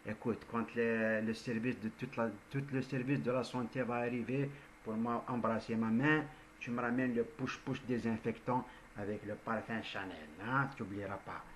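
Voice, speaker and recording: A man voicing a vain woman who poses as a queen, fussy about germs and talking in a hushed, haughty way. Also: medium pitch, fairly even intonation, normal speed, slight background noise, lightly acted. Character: vain, germ-fearing woman posing as a queen.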